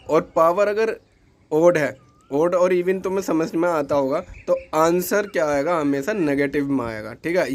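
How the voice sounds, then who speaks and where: Higher-pitched man teaching a math lesson. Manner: patient, repeats steps, asks and answers his own questions. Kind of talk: classroom lesson explaining homework exercise.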